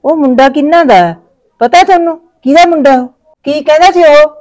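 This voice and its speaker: A woman's voice: high-pitched, brisk, a little mellow, close to an everyday voice. Punjabi aunty, female actor as middle-aged village mother, nagging, anxious, grumbling, Punjabi accent, short-film drama. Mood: indignant.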